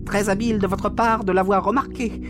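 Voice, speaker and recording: A man putting on a high sneering villain. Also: steady tone, fairly quick, over music, close to an everyday voice. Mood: gloating. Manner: sneering, mocking, taunting. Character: gloating sinister male poisoner villain.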